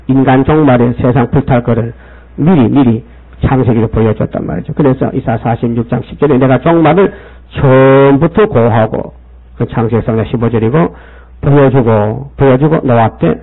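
A man's voice: mid-range voice, vocal fry, husky. A male pastor, preaching and scolding the congregation with rhetorical questions. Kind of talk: sermon. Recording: tinny phone-like sound.

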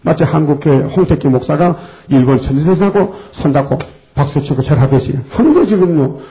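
Gravelly older guy preaching hellfire, blunt and scolding, dark mellow voice, muffled lo-fi recording. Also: a little high, lively intonation, fairly quick. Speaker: pastor. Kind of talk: fiery sermon. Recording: dull lo-fi recording.

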